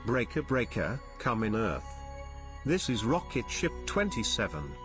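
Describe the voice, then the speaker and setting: Guy putting on a goofy spaceship pilot calling earth over walkie talkie, trucker radio talk, pitch bouncing all over, a bit off mic. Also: sing-song, unhurried, over music. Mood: goofy bravado. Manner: loud trucker radio lingo, ends with over. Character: jokey male rocket pilot radioing Earth, CB trucker style.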